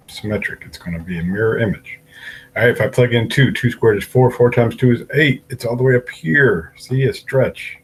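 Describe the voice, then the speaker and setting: A man's voice: fairly low pitch, slight background noise, poor audio. A man teaching an algebra lesson, working through graphs step by step and asking the class questions aloud. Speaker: math teacher.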